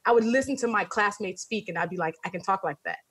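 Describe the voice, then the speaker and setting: A Nigerian woman hosting a podcast chats and laughs through a casual interview, acting out things she said as a child. Her medium-pitched voice is fast, fairly bright and slightly rough.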